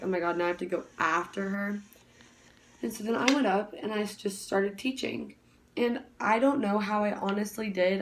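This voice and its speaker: A young woman vlogging in a relaxed, chatty way. She rattles through her story at high speed and fills it with "like" and restarts. Her voice sits at an ordinary middle pitch. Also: slight background noise. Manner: talks very fast, rambling with many "like" fillers. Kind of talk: casual chat.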